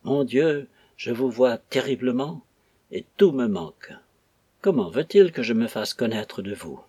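A man's voice: medium pitch, expressive, unhurried, mellow, husky, no room sound. A man reading a novel aloud, voicing an old, clumsy country priest who pleads with fervent anguish. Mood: anguished pleading. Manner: pleading, impassioned outbursts. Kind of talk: audiobook reading.

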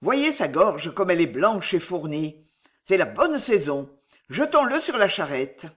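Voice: mid-range voice, big pitch swings, a little slow, a bit bright. A reader voicing two greedy medieval fishmongers who haggle over a fox pelt and then curse their loss. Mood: scheming. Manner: haggling, complaining.

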